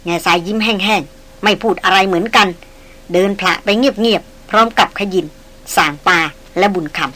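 A woman narrating a novel in a steady, expressive storytelling voice. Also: mid-range voice, moderate pace. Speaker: audiobook narrator. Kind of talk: novel reading.

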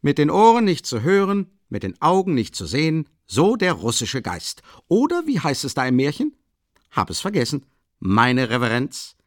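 A man's voice: a little high, huge pitch swings, normal speed, no room sound, clean studio sound, voice pushed up. A man doing a gushing, chatty police lieutenant. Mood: jovial. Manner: effusive, rambling, stumbling over words. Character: jovial, chatty middle-aged police lieutenant. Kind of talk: audiobook character reading.

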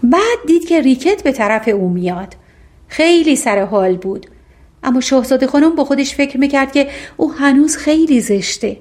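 A woman reading a fairy tale aloud as an audiobook narrator, in a measured storytelling manner. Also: high-pitched, animated, darkish tone.

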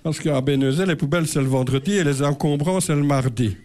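A man's voice: a little high, fairly quick, darkish tone. A middle-aged man telling a rambling, self-mocking comic story on stage. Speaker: comedian. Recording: live show with audience laughter.

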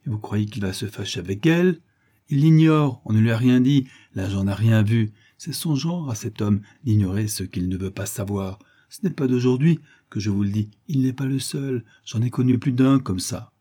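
A man reading an audiobook voices a bull-built, boastful gambler who blusters with loud indignation. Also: mid-range voice, expressive, moderate pace, natural voice. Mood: blustering.

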